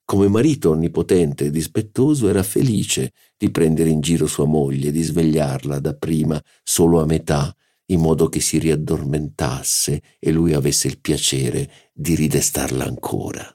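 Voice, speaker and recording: A man reading a classic novel aloud in a measured, even narration. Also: a bass voice. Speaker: audiobook narrator. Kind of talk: literary audiobook narration.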